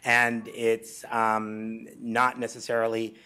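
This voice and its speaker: A man's voice: on the low side, monotone, takes it slowly, pushed and bright, clean tone. A Greek man in his forties giving a conversational conference presentation, with frequent ums and restarts. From Greece. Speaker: conference speaker. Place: lecture hall at a symposium.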